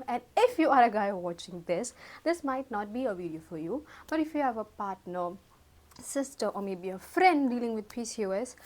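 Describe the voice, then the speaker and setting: A woman's voice: mid-range voice, a little mellow. A young woman, chatting casually to camera. She fumbles her words and laughs at herself. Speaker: YouTube vlogger. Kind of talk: casual chat to camera, mixing Hindi and English.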